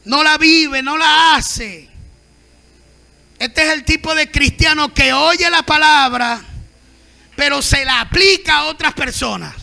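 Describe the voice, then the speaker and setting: A man preaching at a Sunday Bible school as pastor, emphatic and sometimes shouting. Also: very high-pitched, slow pace, gravelly. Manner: emphatic, acts out the proud and the humble, sometimes shouting.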